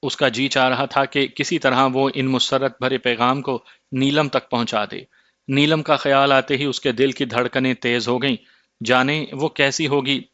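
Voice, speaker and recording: Give me a man reading a horror tale in a measured voice, muffled and dry. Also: medium pitch, a bit bright, dry recording. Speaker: storyteller. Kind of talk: scripted horror narration.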